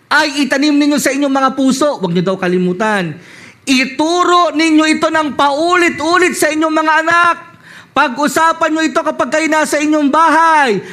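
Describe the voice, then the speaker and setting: High-voiced Filipino preacher man. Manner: animated, swings from high reading voice to low asides; reads scripture slowly and loudly. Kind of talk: sermon.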